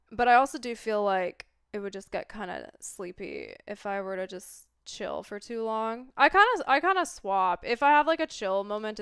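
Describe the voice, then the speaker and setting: A woman's voice: fairly high pitch, fairly bright tone, clear, resonant tone, dry recording, clean studio sound. A stoned woman streamer chatting casually to viewers in a rambling, laid-back stoner way that drifts into tangents. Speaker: livestreamer. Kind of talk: casual livestream chat with viewers.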